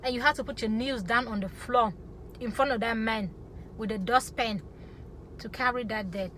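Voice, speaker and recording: A woman's voice: on the high side, moderate pace, fairly bright tone, slight background noise. A woman from Africa talking passionately to camera, emphatic and punctuating her points with "okay?". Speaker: vlogger. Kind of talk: opinionated talk to camera.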